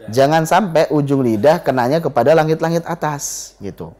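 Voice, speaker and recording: Dark-voiced male recitation teacher. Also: a little high. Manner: demonstrates letter sounds in slow drawn-out syllables; leads call-and-response drills with a student. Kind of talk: live televised recitation lesson. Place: television studio.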